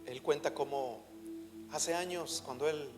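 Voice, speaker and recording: A man's voice: a little high, measured pace. A man preaching a sermon as a pastor, in an emphatic, fervent manner. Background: soft music.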